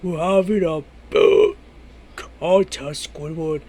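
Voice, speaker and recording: A man's voice: a little high, steady tone, takes it slowly, darkish tone, husky, no room sound. A man voicing a dim, boastful, mischievous starfish in an amateur cartoon skit. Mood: earnest.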